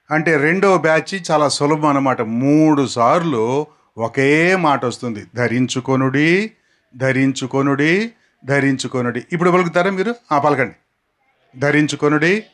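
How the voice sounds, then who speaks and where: A man preaching a sermon outdoors, repeating scripture words slowly and asking his listeners to say them back. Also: high-pitched, fairly bright tone. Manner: repeats key words slowly for the crowd to echo. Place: outdoors in the sun.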